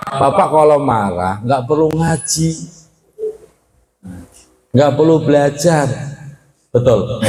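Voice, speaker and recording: Slow-speaking male preacher in echoey hall. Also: medium pitch. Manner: lively and humorous, addressing men as "Pak"; slow drawn-out Arabic recitation. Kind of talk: Quran study sermon.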